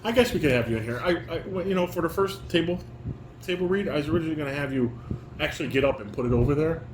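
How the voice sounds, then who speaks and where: Speaking very fast in a voice on the high side, a middle-aged man directs his family through a table read. He reads out stage directions and corrects them step by step in an instructive, casual way. The audio is echoey and roomy, like a home recording, and has noise in the background.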